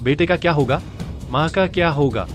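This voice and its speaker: A man's voice: fairly high pitch, moderate pace, music in the background, close to an everyday voice. An actor playing a young husband who grieves his wife, his pleading disbelief giving way to a cold, calculating edge, in a dubbed drama. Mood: anguished.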